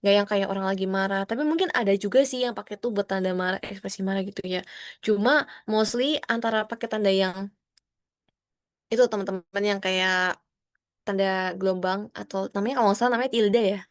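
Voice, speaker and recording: A woman's voice: quick pace, no room sound. Woman, language teacher, online class, friendly, patient, acts out example phrases, dry close sound. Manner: friendly, explains patiently, addresses students as friends; acts out sample phrases with rising or flat pitch.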